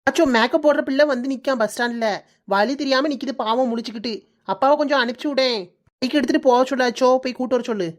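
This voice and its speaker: A woman voicing a calm young bride in a cartoon, speaking softly. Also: sits high, fast talker, voice pushed down, natural voice. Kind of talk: cartoon voice acting.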